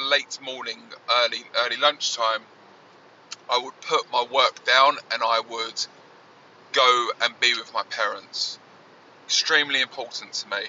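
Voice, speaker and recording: A podcast host talks in an earnest, rambling way from inside a moving car. His voice has a very bright, sharp edge and comes through fuzzy and distorted. Faint road noise hums beneath it. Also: medium pitch, distant mic, lo-fi sound. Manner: reflective, earnest, rambling restarts. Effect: fuzzy distorted sound. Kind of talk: casual spoken monologue. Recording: distorted, noisy in-car recording. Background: faint road and engine noise.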